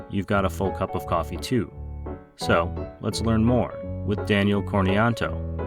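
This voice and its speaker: A man hosting a coffee podcast, reading a scripted, upbeat introduction and sponsor message. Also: low-pitched. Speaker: podcast host.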